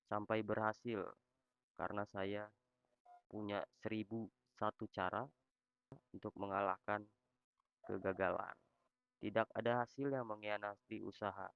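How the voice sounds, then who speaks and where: Creaky robotic social media text-to-speech man. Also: on the low side, flat delivery, a little slow, pauses often, no echo, muffled recording. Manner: casual slang, repetitive tag phrases. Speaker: video channel host.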